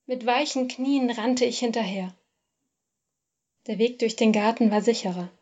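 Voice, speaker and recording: A woman narrating a first-person literary story in a measured, expressive reading. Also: a little high.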